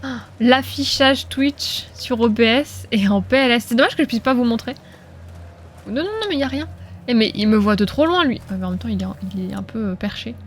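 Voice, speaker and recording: A woman's voice: a little high, lively intonation, brisk, a little hiss or hum. A woman streaming a video game, chatting casually and playfully with her viewers and laughing often. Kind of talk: casual live gameplay commentary.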